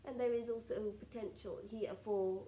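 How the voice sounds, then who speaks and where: A woman speaking as a seance medium in trance, giving solemn spiritual guidance in halting, repetitive, formally archaic phrases. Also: on the high side, fairly even intonation, mellow, slight background noise, low-quality recording. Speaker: trance channeller answering questions as a spirit collective.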